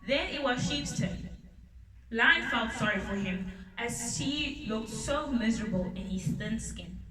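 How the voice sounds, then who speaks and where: A woman reads a children's story aloud at an unhurried pace, stumbling now and then and starting words over. Her voice sits a little high. The recording is roomy, and she sounds some way off from the mic. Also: animated, sharp tone, recorded from a distance, soft background music. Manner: unhurried, with small slips and restarts. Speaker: storybook reader.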